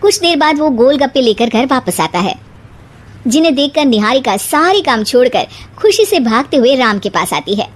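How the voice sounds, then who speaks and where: A woman narrates a children's bedtime tale. Her voice is slightly high, with lively, expressive pitch movement. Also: moderate pace. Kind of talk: scripted children's story narration.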